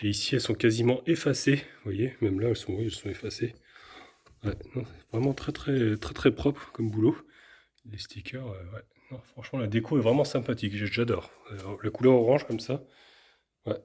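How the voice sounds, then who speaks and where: A man's voice: fairly low pitch, fairly quick, darkish tone, slightly rough. A man casually talking viewers through an unboxing, enthusiastic and chatty, with lots of fillers and repeated words. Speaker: vlogger unboxing an e-bike.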